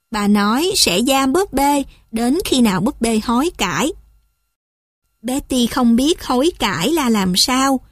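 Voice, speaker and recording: A woman gently reading children's stories aloud as a storyteller. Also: fairly high pitch, dry recording, studio quality.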